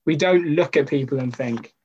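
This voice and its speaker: A man's voice: on the high side, normal speed, darkish tone, slightly rough, muffled recording. A man giving an informal sermon to a youth group, talking conversationally with personal stories and rhetorical questions.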